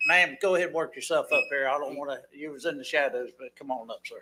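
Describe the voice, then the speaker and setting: A man chairing a county meeting, quick and reassuring, calling up the next speaker in a folksy way. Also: medium pitch, steady tone, heavy background noise. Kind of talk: chairing public comment.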